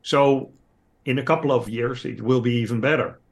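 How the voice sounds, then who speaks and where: Man, native Dutch speaker, medium pitch, halting, reflective, casual conversation. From Netherlands.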